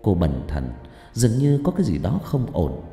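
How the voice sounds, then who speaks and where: A man narrates a horror tale in a dark, warm voice with lively pitch, hushing in the tense parts. His voice carries a long reverb, and faint music plays underneath. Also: moderate pace. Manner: dramatic, hushed in tense passages.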